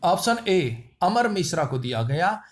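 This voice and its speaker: A man with a high voice runs through quiz answers, one after another. He ties each answer to a silly pun and repeats it so it sticks. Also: big pitch swings, a little slow. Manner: playful wordplay, repeats lines. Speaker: quiz teacher. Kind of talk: memory-trick quiz lesson.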